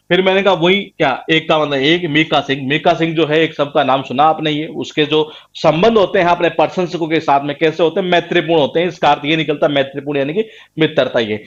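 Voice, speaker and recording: A man teaching vocabulary in an online class, who asks rhetorical questions and keeps tagging lines with a filler word. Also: on the high side. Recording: dull lo-fi sound.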